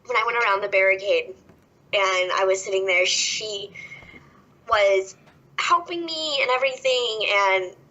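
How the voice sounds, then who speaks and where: A young woman with a Southern US accent chats as a podcast guest, gushing and quick to laugh. Her voice is bright and tense with a husky edge. The recording sounds dull and lo-fi. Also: mid-range voice. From American South. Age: 20s. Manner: gushing, emotional, laughs often. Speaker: wrestler guest. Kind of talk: casual podcast interview.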